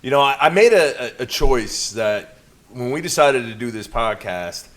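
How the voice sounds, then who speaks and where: Man, podcast co-host, crude and teasing, animated storyteller, medium pitch. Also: normal speed. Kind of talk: candid casual podcast chat.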